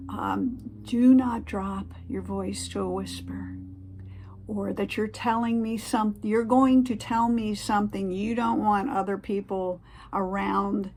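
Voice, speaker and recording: Gravelly woman giving earnest advice. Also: mid-range voice, a little mellow. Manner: earnest, rambling, with many fillers and restarts. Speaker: vlogger sharing tips. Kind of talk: casual advice talk to camera.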